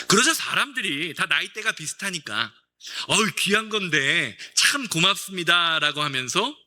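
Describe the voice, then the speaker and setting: A man's voice: high voice, sharp tone. A male pastor preaching a Sunday sermon, telling a story with acted-out dialogue and questions to the congregation.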